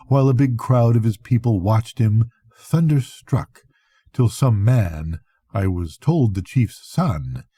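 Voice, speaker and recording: An older man, speaking as a grandfather reading bedtime stories, reads a literary story with a conversational, expressive style, giving his phrases room to breathe. His mid-range voice is very dark and soft-edged with a husky grain. The sound is close and dry, without any echo.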